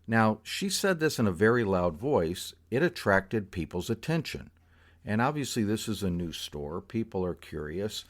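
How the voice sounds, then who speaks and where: An older man telling a story from his own life in an unhurried, conversational way. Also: deep voice. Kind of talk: personal storytelling podcast.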